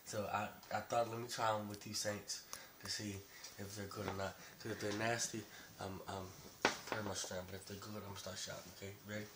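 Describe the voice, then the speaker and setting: A man's voice: on the low side, level tone, brisk. A man hosting a casual taste-test video, chatting playfully to camera and repeating phrases for effect in exclamations. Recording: noisy amateur video with clicks.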